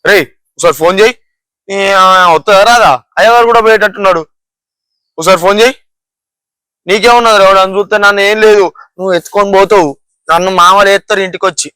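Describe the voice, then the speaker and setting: A man's voice: sits high, fairly even intonation, fast talker, long pauses, bright, forceful tone, clear, resonant tone, dry recording, rough recording. A young man, acting in a village comedy sketch, anxious and complaining. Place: outdoors in a village.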